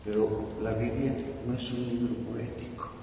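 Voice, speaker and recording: A man's voice: medium pitch, flat delivery, normal speed, vocal fry. A man with a Mexican accent, a priest giving a didactic catechetical talk to his congregation, emphatic and spelling words out for his listeners. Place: church or parish hall. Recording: echoey hall, voice far from the mic, faint background noise.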